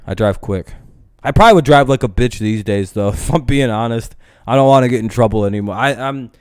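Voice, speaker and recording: A man in his twenties hosts a livestream, chatting casually in a low, slightly mellow, smooth voice captured in clean studio sound with no room echo. He rambles and swears, often breaking off to restart his sentences.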